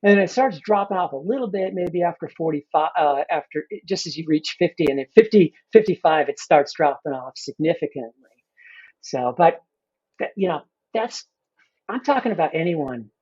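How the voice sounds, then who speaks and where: A man's voice: on the high side, expressive, normal speed, a little mellow, breathy edge, muffled recording. A man in his fifties, a coach being interviewed, talking in a loose, rambling way full of restarts and "you know". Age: 50s. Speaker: guest coach. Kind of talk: casual interview talk.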